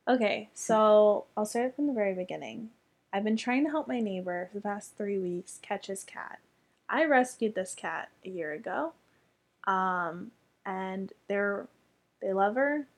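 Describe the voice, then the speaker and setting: A woman's voice: mid-range voice, measured pace. A young woman telling a story in casual chat, chatty and full of fillers, with casual swearing.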